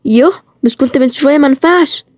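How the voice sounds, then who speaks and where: A woman voicing a sharp-tongued young heroine with an Egyptian accent, in a bantering, higher-pitched way. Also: quick pace, no echo, lightly acted. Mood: teasing. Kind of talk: storybook role-play series.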